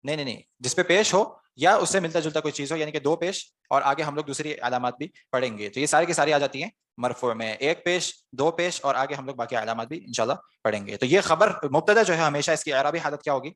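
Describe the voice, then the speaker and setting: Male online class teacher, slightly high-pitched, patient step-by-step grammar explanation, keeps quizzing the students. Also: few pauses, a bit bright. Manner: explains step by step, asks students questions and answers them himself.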